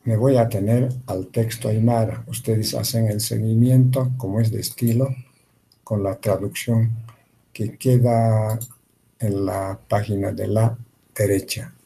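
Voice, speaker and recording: A man teaching a language class over a video call, reading phrases slowly and having students repeat them. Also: on the low side, fairly even intonation, creaky, dark tone, a little hiss or hum, rough recording. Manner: slow, deliberate, spells out each word for students to repeat. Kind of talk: slow language lesson with repetition drills.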